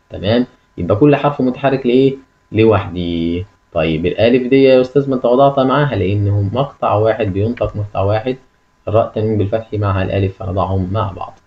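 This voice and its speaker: Fast-talking Egyptian man teaching a lesson. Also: mid-range voice, lo-fi sound. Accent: Egyptian Arabic. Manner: repeats key phrases and asks the listener questions. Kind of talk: classroom-style lesson.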